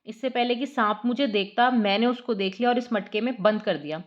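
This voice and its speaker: A woman's voice: fairly high pitch, brisk, lo-fi sound, natural voice. Woman voicing a cocky lazy servant. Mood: boastful. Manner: boastful, swaggering.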